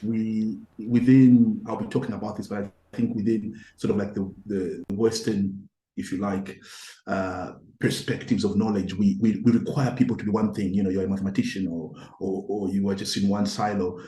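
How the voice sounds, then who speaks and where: A middle-aged Zambian academic, Tonga being his language, speaks as a guest in a reflective podcast conversation, his mellow, lowish voice steady in tone. He is thoughtful and halting, pausing, restarting and repeating words as he gathers each thought. The room sounds roomy with noticeable echo.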